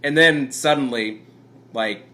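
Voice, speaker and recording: A young man in a relaxed podcast chat with a bright, forward tone. He rambles and restarts his thoughts often. He speaks at a middling pitch. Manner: rambling, halting with many restarts. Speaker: podcast co-host. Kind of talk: casual couple chat.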